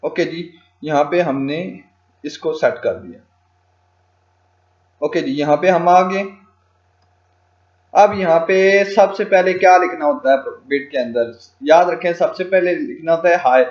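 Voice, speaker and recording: A man walks through a tutorial at a very slow pace, spelling out English phrases one word at a time as he types them and dropping in short fillers between steps. His voice sits a little high for a man. It comes through as a dull, lo-fi recording in an echoey room. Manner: frequent fillers "ok ji" and "theek hai". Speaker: freelancing tutor.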